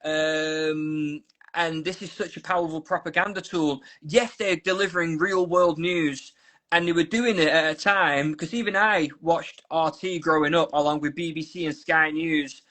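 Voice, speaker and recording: Here a fairly high-pitched man with a Manchester accent, originally from South Manchester, talks as a volunteer guest on a video call in Ukraine. His intonation stays fairly even at a normal speed, and the tone is bright and forceful. The casual interview chat is rambling, full of restarts and side remarks.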